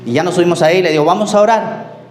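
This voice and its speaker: Pastor preaching in an echoey church. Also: male voice, sits high, very fast, faint music behind. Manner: storytelling, acts out dialogue, trails off quietly. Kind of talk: sermon with personal testimony.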